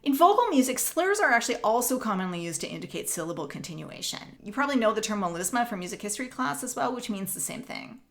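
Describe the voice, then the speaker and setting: Woman with a Canadian accent, music lecturer, steady explanatory delivery, spells out syllables slowly. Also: fairly high pitch. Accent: Canadian English. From Northern Ontario, Canada. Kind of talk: recorded online lecture.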